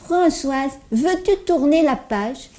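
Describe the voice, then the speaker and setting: A woman's voice: sits high, expressive, takes it slowly, warm tone. Woman doing a stuttering little child puppet. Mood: storytelling. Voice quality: heavy stutter, repeats words many times. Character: stuttering small child puppet, cheerful and eager. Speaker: children's Bible storyteller.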